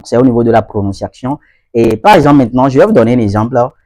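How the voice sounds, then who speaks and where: A man of middle pitch gives a relaxed lesson to his viewers, circling back to the same points and asking whether they understand. His voice is recorded close and dry, with no room sound around it. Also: racing, no echo. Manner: repetitive, addresses viewers directly with frequent checks for understanding. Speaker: host of an English-learning channel. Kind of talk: casual explanatory video lesson.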